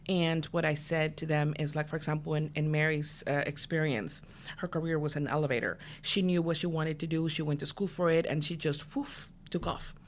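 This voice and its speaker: A woman's voice: low voice, fairly even intonation, brisk, slight background noise. A middle-aged woman from Guatemala, a podcast guest, telling her career story in an earnest way with many fillers and restarts. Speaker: guest, business owner. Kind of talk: casual interview chat.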